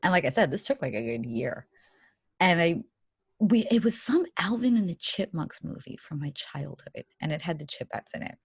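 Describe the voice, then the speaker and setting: A woman guest in casual chat, telling animated stories full of swearing. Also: on the low side, normal speed, breathy edge, dry recording, clean studio sound. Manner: profane, animated storytelling. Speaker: podcast guest.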